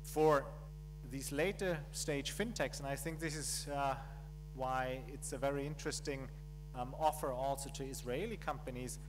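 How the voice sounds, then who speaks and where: A man giving a keynote at a conference, speaking in measured phrases with pauses and fillers. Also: mid-range voice. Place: conference hall. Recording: mains hum in background.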